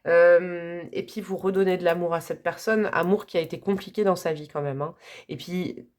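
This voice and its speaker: A woman giving a live tarot reading to her viewers, chatty and gentle, with frequent asides and little laughs. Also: on the low side, brisk. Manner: softly calm, gentle delivery. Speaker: tarot reader.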